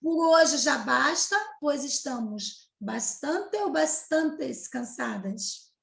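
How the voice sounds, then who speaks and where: A woman's voice: high-pitched, expressive, slow pace, creaky. A woman with a Brazilian accent, a Portuguese teacher explaining grammar step by step and checking in often with her class. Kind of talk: recorded grammar lesson for 7th grade. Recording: echoey room.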